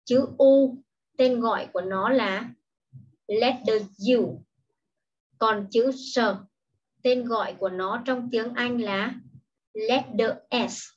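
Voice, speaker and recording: A woman gives a children's English lesson at a very unhurried pace, her voice a little husky and fairly high. She explains every word first and then says the English word carefully, often twice. The recording is dull and lo-fi. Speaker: primary school English teacher. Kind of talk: slow, patient online lesson for young children.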